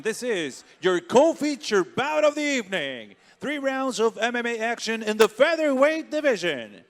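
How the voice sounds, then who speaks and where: This is a man announcing a fight from the center of the cage in a high voice. His delivery swoops up and down a great deal, formal and ceremonial. He stretches the fighters' names into long, booming calls. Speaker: ring announcer. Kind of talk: bilingual fight introductions.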